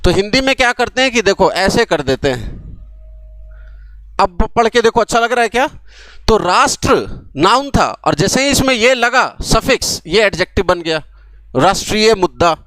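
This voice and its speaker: Guy teaching grammar to camera, fairly high voice, dry close sound, keeps asking then answering. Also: animated, moderate pace, fairly bright tone, no echo. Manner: explains by asking questions and answering them. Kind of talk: classroom lecture to camera. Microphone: camera mic, recorded for an app course.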